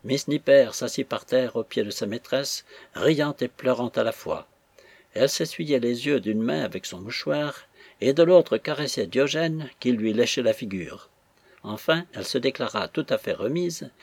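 A man narrating a novel chapter in a measured storytelling manner. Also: medium pitch, animated, a little mellow, husky, no room sound. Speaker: audiobook narrator.

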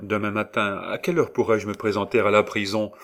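A man's voice: fairly low pitch, little pitch movement, a little fast, a bit bright. A man reading a novel aloud, voicing a devoted young woman in an impassioned, eager way. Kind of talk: audiobook reading of a classic novel.

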